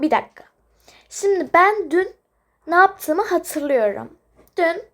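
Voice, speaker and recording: A woman voicing children in a playful toy-game role-play, chatting through the scenes in character. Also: high-pitched.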